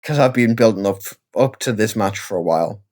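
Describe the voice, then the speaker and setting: A man's voice: fairly low pitch, fairly quick, a little mellow. Chatty Geordie man narrating gameplay. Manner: rambling, self-deprecating, chatty. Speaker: gaming video creator. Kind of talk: casual let's-play commentary.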